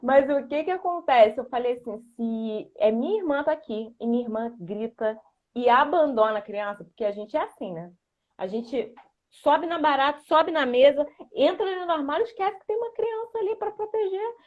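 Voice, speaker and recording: A woman explaining how young children learn and telling a family anecdote in an animated, conversational way. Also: sits high, normal speed, lo-fi sound. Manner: animated, lots of "né".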